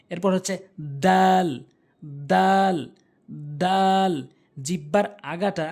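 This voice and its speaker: Patient pronunciation instructor; demonstrates each sound with repeated drills, plain step-by-step delivery. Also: medium pitch. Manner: explains step by step in simple terms. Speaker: Quran recitation teacher. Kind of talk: pronunciation lesson.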